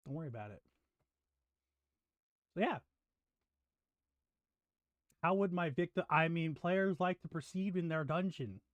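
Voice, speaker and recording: A man running a tabletop game on a live stream as game master, energetic, scattered and swearing. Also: on the high side, unhurried, long pauses, no room sound, lo-fi sound.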